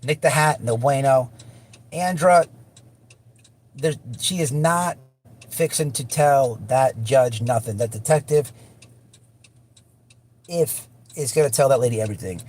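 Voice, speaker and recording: With a medium-pitched, slightly mellow voice, a man talks at a measured pace and pauses often while hosting a casual livestream. His chat and commentary are blunt, slangy, and profane, set against a noisy recording full of car sounds.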